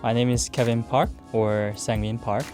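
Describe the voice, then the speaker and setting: A man from South Korea speaking in a measured way in a documentary interview. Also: medium pitch, flat delivery. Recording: guitar music playing behind.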